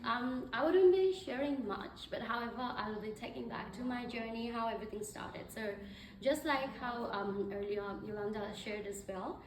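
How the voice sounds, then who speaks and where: A woman's voice: a little high, moderate pace, a little hiss or hum. A young woman from Nepal giving a conversational speech at an event, full of fillers. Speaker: guest speaker. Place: event hall. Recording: echoey hall from far off.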